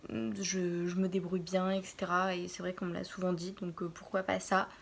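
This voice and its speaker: Low, gravelly young French vlogger woman. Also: level tone, slight background noise. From France, Normandy. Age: early 20s. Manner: hesitant, pauses often to think. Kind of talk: casual Q&A vlog. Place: her bedroom.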